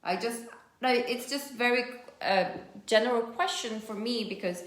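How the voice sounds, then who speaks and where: A woman in her thirties from South Korea hosts a live stream, chatting and telling stories in English, her second language, with a Korean accent and loose grammar. Her voice is on the high side and fairly bright, at a normal speed. The room sounds echoey.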